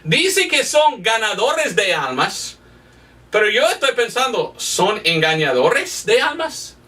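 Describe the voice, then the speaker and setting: Animated preacher. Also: male voice, high-pitched, takes it slowly, far from the mic. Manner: animated, acts out quoted voices. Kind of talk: sermon storytelling.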